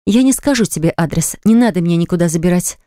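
A woman's voice: fairly low pitch, lively intonation, fast talker, warm tone, dry recording, studio quality, natural voice. A man voicing a hurt, angry young pregnant woman in an audiobook, indignant and defensive.

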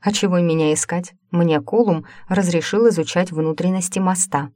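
Woman playing a defiant, low-voiced stubborn sister. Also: fairly even intonation, moderate pace, dark tone, no echo, studio quality, natural voice. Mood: annoyed, defiant. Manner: argumentative, sarcastic. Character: stubborn, defiant young sister talking back crossly.

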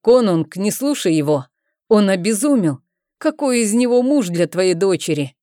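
A woman's voice: mid-range voice, sing-song, moderate pace, warm tone, dry recording, clean studio sound, lightly acted. Woman as a proud nobleman, scornful, indignant, storybook reading.

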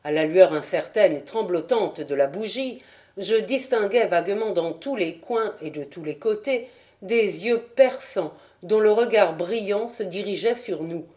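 A woman reading a novel aloud as an audiobook in measured, even scripted narration. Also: mid-range voice. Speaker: audiobook reader.

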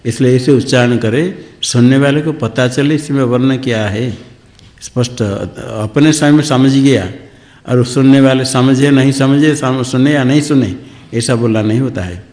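A swami teaching scripture, chanting verses and then explaining them plainly, repeating points about clear pronunciation. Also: male voice, medium pitch, a little slow, darkish tone, big-room sound.

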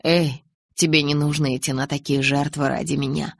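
A woman voicing a calm, tender young man with soft, restrained speech in an audiobook. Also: deep voice, normal speed, vocal fry, dry recording. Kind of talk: audiobook character reading.

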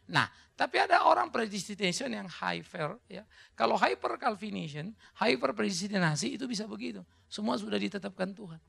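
Gravelly, animated preacher man. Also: high-pitched. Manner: animated, mixes English words, acts out quoted voices. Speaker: pastor. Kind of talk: sermon with Q&A. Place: church hall.

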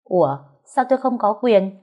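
A woman voicing a spiteful young woman, a demoted concubine, who scolds and sneers in a high, shrill voice in a storytelling audiobook. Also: lively intonation, brisk, highs cut off, close to an everyday voice. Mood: contemptuous.

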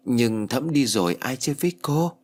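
A man's voice: mid-range voice, expressive, moderate pace, darkish tone, lightly acted. A man voicing a lonely, childlike female ghost who clings to her nephew, in a whiny, pleading way.

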